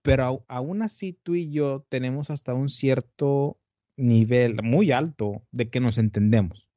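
A man's voice: medium pitch, a little slow, mellow, dry recording, highs cut off. A man from northern Mexico with a northern Mexican accent, hosting a casual podcast chat in a slangy, rambling way full of fillers and restarts. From Tamaulipas, northern Mexico. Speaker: podcast host.

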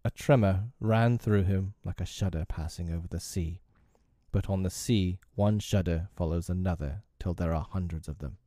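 A man narrating a storybook in a gentle, measured reading. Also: low voice, no room sound, studio quality.

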